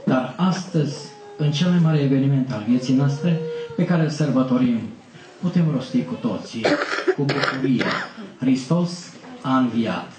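A man preaching an Easter sermon as pastor, building to emphatic high peaks and slowing on key phrases. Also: roomy sound, heavy background noise.

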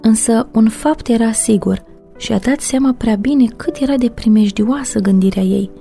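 A woman narrating a novel as an audiobook in a steady, measured storytelling manner. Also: on the high side, vocal fry, faint music behind.

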